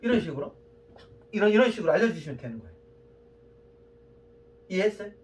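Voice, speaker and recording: A woman's voice: medium pitch, animated, a little fast, darkish tone, far from the mic. A woman party MC teaching her routine, playfully acting out quiz calls and countdowns. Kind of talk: instructional talk acting out MC patter.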